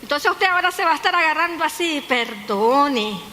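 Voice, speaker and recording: A woman's voice: very high voice, fairly even intonation, fast, sharp tone. A woman pastor preaching a sermon, telling stories with humor and turning to the congregation with asides. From Nicaragua. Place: church hall. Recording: echoey hall with faint noise.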